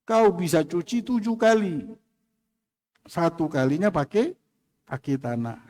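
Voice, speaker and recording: Calm pious talking dog told by a man, gently reproachful, in a fairly high voice, in a sermon tale. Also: unhurried, in a large hall. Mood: gentle reproach. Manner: gently reproachful, plain-spoken.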